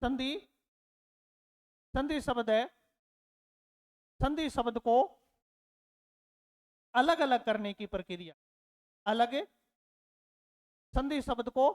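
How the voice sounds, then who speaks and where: A man's voice: very high voice, clean tone, big-room sound. A man teaching a lesson, repeating his words and asking rhetorical questions, calling his learners children. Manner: addresses learners fondly as children. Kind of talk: classroom lecture.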